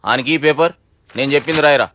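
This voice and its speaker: A man playing a gruff, bullying gang boss. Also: a little high, fast, fairly bright tone, natural voice. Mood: bossy. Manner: gruff, taunting, slangy local speech. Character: rough male local gang boss, bullying. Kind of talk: film comedy dialogue. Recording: film soundtrack with music.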